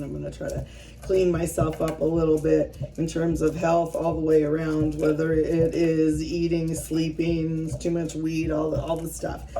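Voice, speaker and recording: Working with her hands, a fifty-something woman vlogger talks casually to her audience, self-deprecating and rambling, her thoughts frequently left unfinished. The voice is deep and warm, captured on a distant mic in a rough recording.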